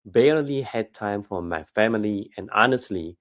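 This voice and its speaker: A man giving a steady, earnest personal testimonial. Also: lowish voice, moderate pace.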